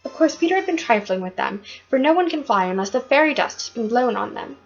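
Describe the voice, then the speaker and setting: A woman reading a children's book aloud with expressive delivery and occasional stumbles. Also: on the high side, fast talker, dull audio, faint music behind.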